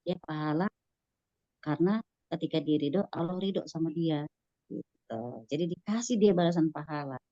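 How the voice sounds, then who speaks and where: A woman giving a casual religious study talk, lively and acting out quoted voices. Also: sits low, moderate pace, pauses often, no echo. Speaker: religious teacher. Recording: dull dry lo-fi recording.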